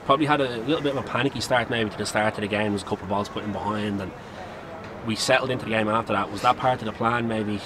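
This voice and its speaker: An Irish man asks long, chatty questions at a quick pace, his voice slightly low. He is outdoors at a stadium, with clear traffic noise behind him. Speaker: club interviewer. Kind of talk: post-match interview questions.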